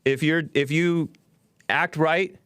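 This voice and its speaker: A man's voice: a little high, steady tone, slow pace, fairly bright tone, clear, resonant tone, no echo, clean studio sound. A man hosting a call-in show, talking casually with callers.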